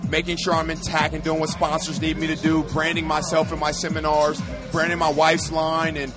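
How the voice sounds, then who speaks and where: A man in his thirties, an athlete and coach, talking casually in an interview in long, energetic run-on lists. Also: on the high side, fairly quick, music in the background.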